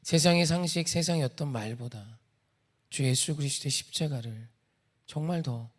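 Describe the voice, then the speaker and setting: Pastor, male, earnest sermon delivery, asks questions, drops to a hush at times. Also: fairly high pitch, normal speed, slightly rough. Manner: earnest preaching with rhetorical questions and hushed asides. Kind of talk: expository sermon. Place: church sanctuary.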